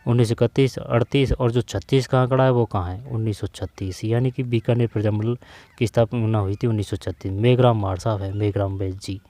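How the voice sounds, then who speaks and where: A man's voice: fairly low pitch, fairly even intonation, fairly quick, warm tone, no echo. A man teaching exam general knowledge in a casual lesson, repeating key answers and checking in often. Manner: repeats key answers, frequent "theek hai" check-ins. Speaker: exam-prep tutor.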